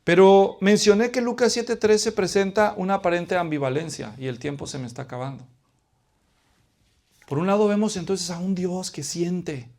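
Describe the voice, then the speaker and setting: High-voiced Latin American preacher. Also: male voice. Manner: asks the congregation questions and answers them; swings between hushed pleading and loud emphasis. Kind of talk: sermon.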